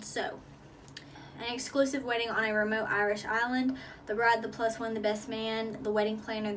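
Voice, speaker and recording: A young woman talks through a book review in a breezy, filler-laden vlog style, slightly short of breath. Her voice sits a little high and lands from a short distance off the mic. Faint room ambience hums behind her. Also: a bit bright, a little hiss or hum. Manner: chatty, filler-heavy, upbeat. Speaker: book vlogger.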